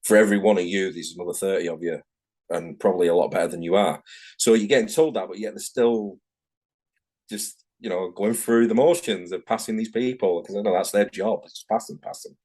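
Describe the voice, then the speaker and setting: A middle-aged man from Manchester, England, a tattoo artist appearing as a guest, speaks in a low, brisk voice with a dark tone. Talking in a casual video-call interview, he rambles frankly and keeps correcting himself, his Manchester English accent clear.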